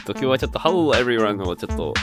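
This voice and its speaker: A man's voice: mid-range voice, sing-song, fast talker, music in the background. A young man hosting a student radio English show, chatting playfully and reading listener mail aloud. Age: young adult. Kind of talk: casual radio chat.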